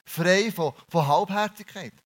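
Blunt high-voiced man preaching. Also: unhurried. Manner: blunt, colloquial preaching with slang. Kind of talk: sermon.

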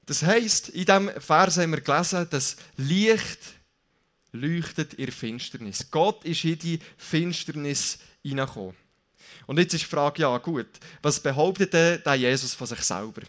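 A young man with a Swiss German accent preaching a casual, lively sermon, joking and correcting himself as he goes. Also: fairly high pitch, normal speed.

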